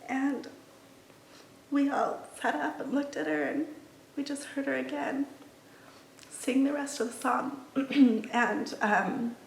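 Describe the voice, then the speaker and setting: A woman's voice: high-pitched, slow, vocal fry, a little hiss or hum. A middle-aged mother giving an earnest, emotional personal testimony in an interview. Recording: roomy, slightly distant mic.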